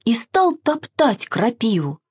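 A woman narrating a children's storybook in an expressive, sing-song way. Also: a little high, slow, husky.

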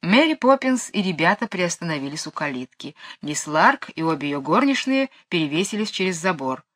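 Woman narrator, storybook reading, expressive. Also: lowish voice, normal speed.

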